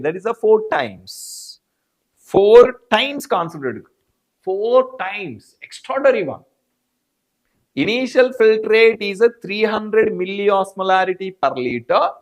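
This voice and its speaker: Brief: higher-pitched Indian English male teacher, repetitive, calls students by name. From South India. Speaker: biology teacher. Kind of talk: live online class.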